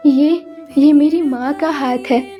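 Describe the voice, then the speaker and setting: A woman's voice: high-pitched, steady tone, takes it slowly, lo-fi sound, faint music behind. A woman voicing a sorrowful young woman trapped as a flower in a cartoon story, speaking in a wistful inner monologue.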